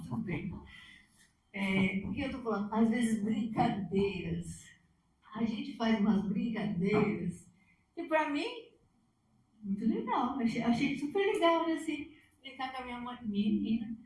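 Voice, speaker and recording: A woman's voice: on the high side, darkish tone, slight background noise. Brazilian woman preaching from far in an echoey church. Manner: conversational, rhetorical questions, playful asides. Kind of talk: sermon with personal anecdotes. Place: church sanctuary.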